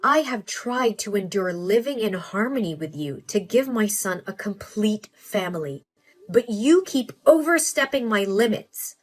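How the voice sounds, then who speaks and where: An actress playing a devoted mother and fed-up wife who stands up to her husband in a calm, measured way. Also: mid-range voice, soft background music. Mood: firm. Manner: calm, measured, quietly defiant.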